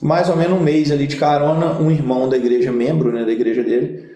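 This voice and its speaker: A young Brazilian pastor with a slightly high voice talks fast in an echoey room. During a casual interview he tells funny stories as an animated comic storyteller, acting out the voices of the people in them.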